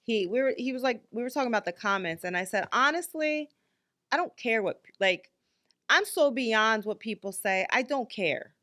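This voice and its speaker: A woman in her fifties co-hosts a podcast in casual chat, speaking candidly and bluntly with lots of filler likes. Her voice is fairly high, animated and a bit bright, at a moderate pace.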